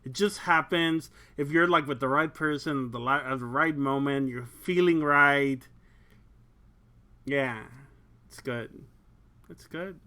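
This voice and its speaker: A Twitch streamer casually reads a visual novel aloud, breaking off from the narration to joke, swear crudely and laugh often. The voice is mid-range, pushed and bright, moving slowly with long pauses.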